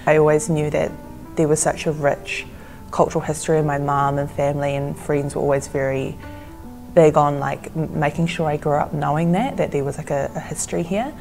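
Low gravelly young woman, reflective. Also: fairly even intonation, fairly quick, a little mellow. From New Zealand, Fijian and Tongan heritage. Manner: reflective, thoughtful, frequent "like". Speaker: documentary director. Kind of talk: casual interview. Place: gallery, seated indoors. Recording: music bed underneath.

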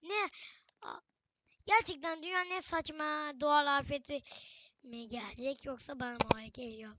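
A woman's voice: sits high, steady tone, normal speed, fairly bright tone, lo-fi sound, a little hiss or hum. A young woman giving casual, chatty gameplay commentary, often exclaiming and talking straight to her viewers. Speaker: gaming channel host.

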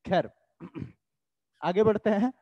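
Male English teacher, high voice, animated storytelling, dry dull recording. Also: dry recording. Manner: animated, chatty storytelling, slow dictation. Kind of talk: online class lecture with storytelling.

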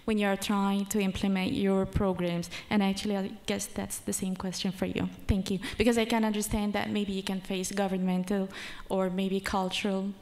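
A woman from Egypt addresses a panel from the audience. She speaks politely and thanks the room while asking her question, her voice at a middle pitch. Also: level tone, normal speed, hardly any pauses, a little mellow. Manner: polite, grateful. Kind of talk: public Q&A question.

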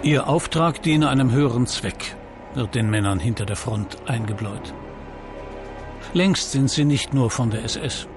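Documentary narrator, male, mid-pitched, scripted delivery over clear background music. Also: normal speed.

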